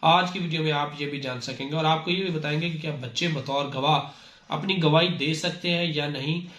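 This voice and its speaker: A man with a Pakistani accent presents an informal explanatory lecture, didactic and repeating his points. His voice is fairly high, steady and a bit bright at normal speed, in an echoey, reverberant room.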